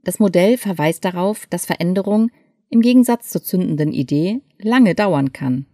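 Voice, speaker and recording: Female narrator, mellow lower voice, scripted essay read, dry booth. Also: lively intonation, no echo. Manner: clear, measured reading. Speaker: article reader.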